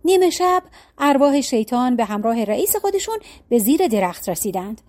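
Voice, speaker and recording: A woman narrating a folk tale with an expressive storybook cadence. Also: on the high side, no room sound.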